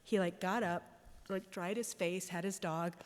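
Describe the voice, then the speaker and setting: A woman's voice: on the low side, steady tone, unhurried. Chatty woman in a reverberant church. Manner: chatty, with many "like" and "um" fillers. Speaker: guest speaker at a parish. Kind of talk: casual storytelling talk. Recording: long reverb of a large hall.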